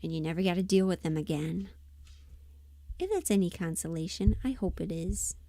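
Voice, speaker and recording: A woman livestream host and audio performer chats casually while working, often muttering half to herself and trailing off. Her lowish voice is expressive and dark-toned, at a moderate pace, with no echo.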